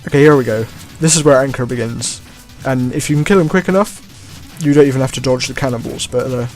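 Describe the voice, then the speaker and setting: A man giving relaxed gameplay commentary as a let's play host, often chuckling and trailing off with shrugging asides. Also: mid-range voice, fast. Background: faint game music.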